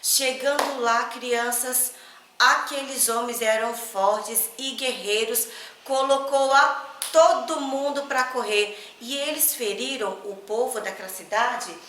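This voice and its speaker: A woman's voice: fairly high pitch, takes it slowly, echoey room, recorded from a distance, a little hiss or hum. A woman with a Brazilian Portuguese accent, teaching children a Bible lesson as a story and asking them questions as she goes. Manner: animated, asks the children questions.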